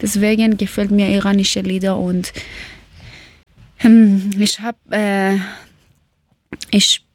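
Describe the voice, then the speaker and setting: Slow, hesitant woman from Iran. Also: mid-range voice, little pitch movement, darkish tone, no room sound. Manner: hesitant, searching for words. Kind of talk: casual talk in learner German.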